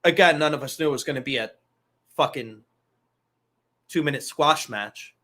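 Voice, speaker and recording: A man's voice: on the high side, normal speed, sharp tone. A man hosting a casual wrestling talk show, loose and profane, rambling through asides. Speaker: podcast host.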